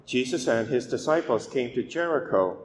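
A male priest reading the gospel and preaching a weekday homily at a steady, measured pace, his voice ringing with a long cathedral echo. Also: mid-range voice. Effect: long cathedral-style echo. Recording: echoey church hall with faint hiss.

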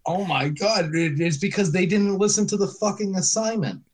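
A man's voice: high-pitched, normal speed, breathy edge. A man with a Boston accent co-hosting a podcast, blunt and profane in casual joking chat. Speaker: podcast co-host.

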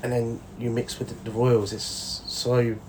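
A man in his thirties tells stories from his army days in a relaxed, chatty way. He laughs often and slips into quick impressions of the people he quotes. His voice sits at an ordinary middle pitch. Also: a little hiss or hum. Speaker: guest, former soldier. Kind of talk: casual interview storytelling.

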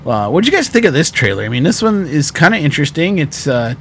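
A man's voice: a little high, big pitch swings, quick pace, gravelly, a little hiss or hum. A man hosting a podcast in casual conversation. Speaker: podcast host. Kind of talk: casual chat.

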